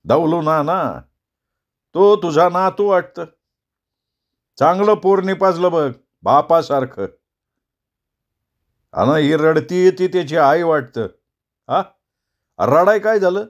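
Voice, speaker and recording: A male storyteller voicing a loud, joking village man who teases in a rustic dialect. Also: on the high side, animated, slow pace, pauses often, voice pushed up. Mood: teasing.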